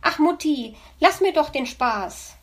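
A woman voicing an excitable little boy hedgehog in a storybook, bubbly and eager. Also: a little slow. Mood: gleeful. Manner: bubbly, eager, high-spirited.

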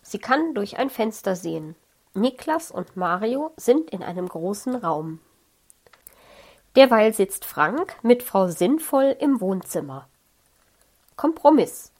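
A woman narrating a children's audiobook in a calm, measured reading voice. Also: mid-range voice. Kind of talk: scripted children's story narration.

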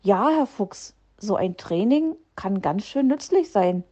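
A woman's voice: mid-range voice, expressive, slow, mellow, muffled recording. A woman voicing a cheeky, teasing, slightly doubtful little hedgehog child. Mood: chatty.

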